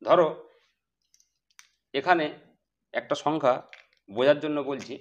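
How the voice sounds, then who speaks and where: A man's voice: a little high, a little slow, lo-fi sound. Man teaching math, quizzing the class. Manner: asks the class questions then answers them himself. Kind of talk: explaining math to students.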